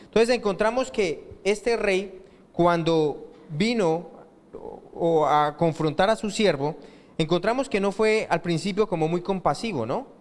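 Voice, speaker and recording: A male pastor delivers a sermon, pausing to ask the congregation questions and let them finish his sentences. His voice sits a little high for a man. The sound carries the long reverb of a church hall. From Colombia. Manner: asks rhetorical questions and lets the congregation fill in the answer.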